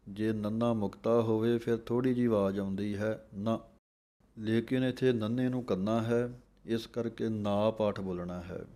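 Man, recitation teacher, low flat voice, very slow measured chanting, calm explanations. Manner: chants verses very slowly, then explains calmly. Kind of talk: slow recitation lesson with pronunciation notes.

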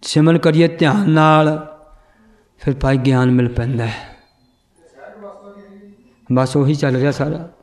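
A man teaching scripture, explaining verses and correcting a student's pronunciation, chanting the lines slowly. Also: a little high, fairly even intonation, darkish tone. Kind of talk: religious teaching and pronunciation drill.

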